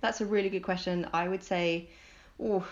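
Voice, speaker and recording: A woman's voice: lowish voice, steady tone, normal speed. A woman, a vocal coach, explaining voice care in an upbeat, coaching manner on a podcast. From United Kingdom. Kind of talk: podcast conversation. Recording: dull lo-fi sound.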